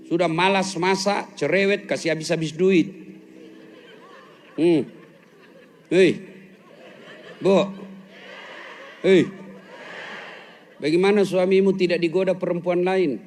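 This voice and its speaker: High-voiced joking preacher man. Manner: joking, teasing the audience, acting out little scenes. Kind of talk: humorous sermon to a live audience. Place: police headquarters hall with audience.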